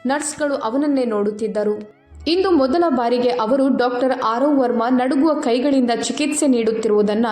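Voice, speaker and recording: A woman storyteller giving a steady, emotive scripted narration of a moral story. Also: fairly high pitch. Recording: echoey room with faint music.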